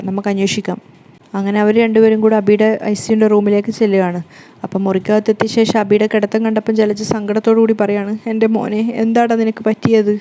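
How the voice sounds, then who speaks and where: Fast, flat-voiced woman retelling a serial. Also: medium pitch. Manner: rapid, flat retelling, voicing all characters' lines plainly. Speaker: serial recap narrator.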